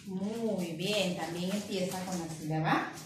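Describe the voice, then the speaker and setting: A preschool teacher from Peru, speaking Peruvian-accented Spanish in a lowish voice, leads a remote syllable lesson for young children. She lingers over each syllable and praises them encouragingly. The mic is distant, so her voice echoes around the room with faint noise underneath.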